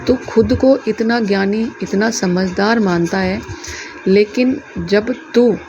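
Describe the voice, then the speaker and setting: A woman telling a devotional story, voicing a wise male holy man who instructs calmly, gently and patiently. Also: mid-range voice, lightly acted. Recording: muffled lo-fi with clear background noise.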